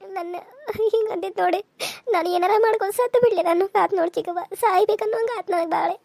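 A woman's voice: very high-pitched, quick pace, creaky, darkish tone, no room sound. A woman voicing a young widowed village mother who pleads and sobs as she complains, with a North Karnataka accent. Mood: pleading. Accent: North Karnataka Kannada. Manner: tearful, pleading, sobbing complaint. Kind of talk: cartoon serial dialogue.

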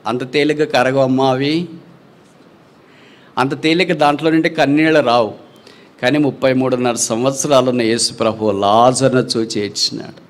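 Man, preacher, sermon, mid-pitched voice, animated, loud highs and soft lows, rhetorical questions, English phrases mixed in. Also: moderate pace. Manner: animated, with big swings between loud high and soft low passages.

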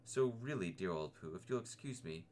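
A man voicing Piglet, a small timid male piglet who talks in a squeaky, nervous and hesitant way in a storybook reading. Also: expressive, normal speed, darkish tone, a little hiss or hum.

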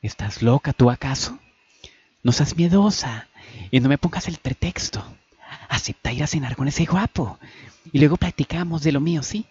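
Un hombre dando voz a Annie, una joven amiga insistente y burlona que da órdenes con desparpajo. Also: male voice, medium pitch, steady tone, takes it slowly, pauses often, dark tone, breathy edge, no echo, highs cut off. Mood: teasing. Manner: teasing, insistent and bossy. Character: Annie, pushy cheerful young woman friend.

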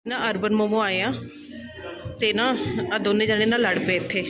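A woman's voice: medium pitch, fairly even intonation, normal speed, over music. A young woman chatting casually to the camera in her home vlog. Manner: chatty, coaxing. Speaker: vlogger.

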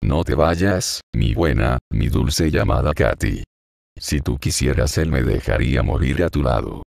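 A frail, frightened teenage boy who pleads through tears and drags out his words, as a man reads him. The voice is lifted a little above a very deep, gravelly base and sounds close and dry. It is a storybook reading. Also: animated, a little slow, a little mellow, no echo, heavily acted. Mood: pleading, fearful. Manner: pleading, tearful.

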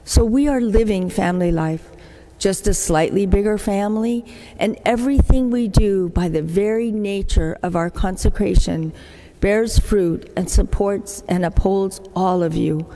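This older religious sister has a mid-range voice and a measured pace. Making an appeal at Mass in a large church, she tells warm-hearted stories about her community's work and acts out the voices of people she quotes. The recording carries a church-hall echo.

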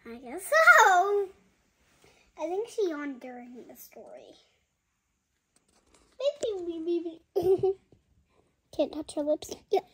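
A very high-pitched, sing-song female voice belongs to a young girl reading a picture book aloud at bedtime, slowly and with long pauses. Indoors in her bedroom at home, she giggles and chats between lines while a nearby phone films her.

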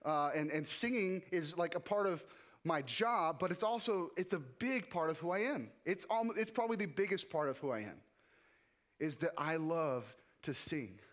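Young male worship leader, slightly high-pitched, loose conversational sermon testimony. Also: animated, moderate pace, a bit bright. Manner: casual and conversational, with frequent restarts and "like". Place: church.

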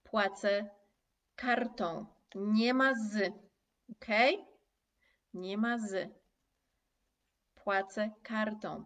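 A woman teaching a live online language lesson, speaking slowly and clearly, repeating example phrases and answering viewers' comments. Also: mid-range voice, a bit bright, distant mic.

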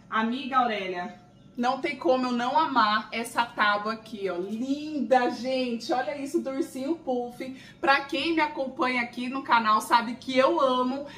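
A Brazilian woman hosting an excited unboxing vlog, gushing and exclaiming as she chats to her viewers. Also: fairly high pitch, echoey room, distant mic, slight background noise. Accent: Brazilian Portuguese. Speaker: channel host.

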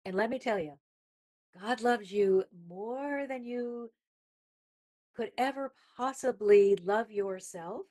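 A woman's voice: a little high, slow pace, warm tone. A woman guest speaking on a podcast about gratitude, emphatic and repeating words for stress. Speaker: guest, spiritual healer. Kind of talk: inspirational podcast talk.

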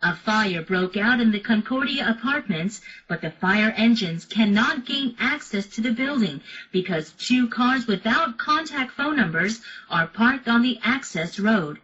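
A woman making an emergency announcement over the intercom, slowly and deliberately repeating the key details. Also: a little high, expressive, a bit bright. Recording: dull lo-fi recording from a distance.

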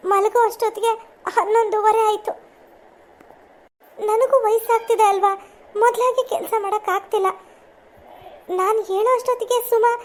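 A woman voicing an aging mother-in-law in a family cartoon, plaintive and scolding. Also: very high voice. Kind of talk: cartoon voice acting.

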